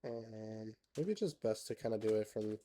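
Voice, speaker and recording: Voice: mid-range voice, animated, moderate pace, warm tone. A streamer from Canada keeps up loose, casual commentary while building in a game. The talk is full of laughter and offhand swearing. Now and then the streamer reads chat messages aloud and answers them.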